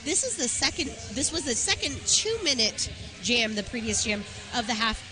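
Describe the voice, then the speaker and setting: A woman giving measured, informative color commentary on a live roller derby game. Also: on the high side, sing-song, over music.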